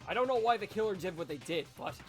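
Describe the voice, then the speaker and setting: A man's voice: sits high, lively intonation, fast talker, soft background music. A man hosting a live game voice read-through, upbeat and encouraging toward his cast. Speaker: streamer and host.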